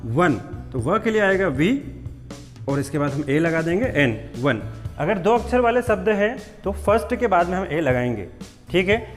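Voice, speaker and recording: A man's voice: high-pitched, long reverb tail. A man teaching a patient, step-by-step spelling lesson, repeating words and checking that students follow. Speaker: English teacher. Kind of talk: classroom-style spelling lesson.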